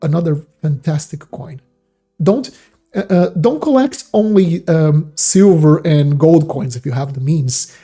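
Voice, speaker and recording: A channel host with an extremely dark, mellow voice talks through ancient coins with eager enthusiasm. The speaker often restarts sentences and stops to explain terms. Faint music plays underneath. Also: mid-range voice, measured pace, husky. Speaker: host of a coin-collecting channel.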